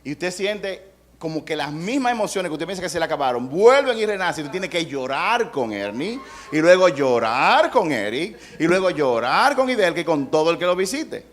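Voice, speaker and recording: A man's voice: on the high side, very animated, normal speed. A middle-aged male pastor preaching a sermon in a conversational way, acting out quotes and adding humor.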